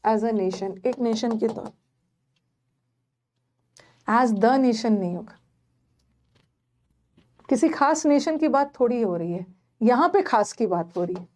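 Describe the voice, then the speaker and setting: A woman with an Indian English accent teaches grammar for a competitive exam. She talks slowly and patiently, going over each point more than once. Her voice sits high and clear. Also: animated, darkish tone. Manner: explains step by step, mixing Hindi with English; repeats points and checks with the class. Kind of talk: online exam-prep lesson.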